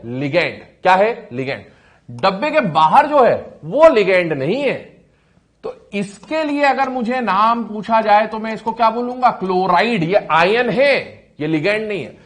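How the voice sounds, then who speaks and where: In a classroom chemistry lecture, a male teacher with a high-sitting voice asks questions and answers them himself. He repeats key terms and calls his students "beta."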